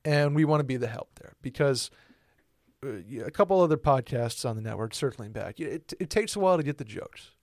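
A man's voice: mid-range voice, expressive, a little fast, darkish tone, no echo, clean studio sound. A man in his twenties co-hosting a podcast in loose, casual chat that often backtracks and corrects itself. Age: 20s. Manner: loose, rambling, self-correcting. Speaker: podcast co-host.

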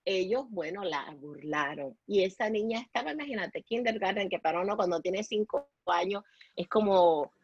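A woman from the Dominican Republic, raised in Puerto Rico, with a Puerto Rican Spanish accent. She is a podcast guest telling a personal story haltingly, with many restarts and English words slipped in. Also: mid-range voice, lively intonation, slightly rough, dry recording, lo-fi sound.

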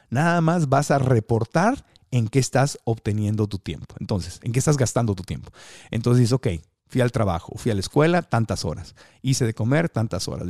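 A man's voice: mid-range voice, darkish tone, dry recording, clean studio sound. A man from Tijuana with a Mexican accent, hosting a motivational podcast and coaching listeners with many questions. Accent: Mexican Spanish.

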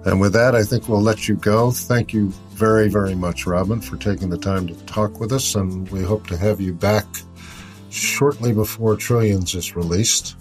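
A male podcast host with a very low voice, weighing his words in a thoughtful, hesitant manner. Faint music sits behind him. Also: fairly even intonation, normal speed, a little mellow. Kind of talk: interview conversation.

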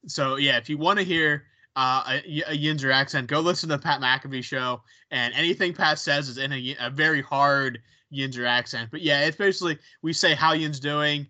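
A man's voice: mid-range voice, moderate pace, hardly any pauses, bright, forceful tone. A man with a Pittsburgh accent co-hosting a podcast in casual chat, rambling with many ums and restarts. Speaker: podcast co-host. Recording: dull lo-fi sound.

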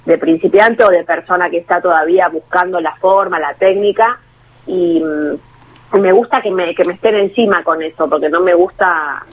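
A woman's voice: on the low side, moderate pace. A woman with a Rioplatense Spanish accent, a guest talking casually and self-deprecatingly in a radio interview, with many restarts. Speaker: guest, actress and singer. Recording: tinny phone line.

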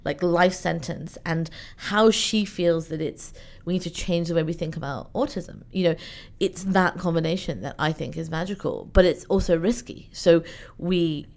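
Woman, interview guest, fairly low voice, lively and chatty, lots of "like" and "you know". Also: normal speed, vocal fry, hardly any pauses. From Iran, raised in the UK. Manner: animated, chatty, many fillers. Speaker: event organizer, guest. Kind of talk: conversational interview.

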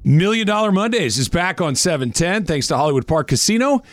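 American man reading a radio contest promo, lively pitch. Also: brisk, background noise. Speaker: radio show host.

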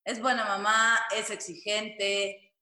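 A woman's voice: mid-range voice, little pitch movement, slow pace, pushed and bright. A woman co-hosting a talk show, playful and teasing as she questions the children. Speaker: co-host. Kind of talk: casual TV chat. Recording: echoey room.

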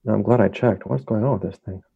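A man speaking candidly as an interview guest, halting as he thinks aloud, over a remote call. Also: on the low side, creaky, husky, narrow, tinny audio. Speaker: emergency doctor, interview guest.

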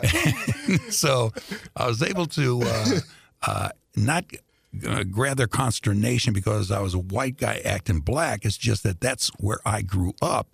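Older man, husky gravelly voice, dry close sound, relaxed drawling storyteller, laughs often. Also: on the low side, measured pace, dry recording. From born in Greece, raised in Indianapolis. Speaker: radio personality, guest. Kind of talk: casual interview storytelling.

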